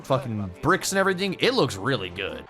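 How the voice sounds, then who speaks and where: A man's voice: medium pitch, very animated, brisk, over music. A man giving casual, sweary gameplay commentary as a streamer, rambling through his opinions. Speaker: video game streamer.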